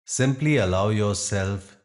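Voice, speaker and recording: With long pauses between phrases, this male meditation guide talks slowly in a deep, soothing, deliberate voice.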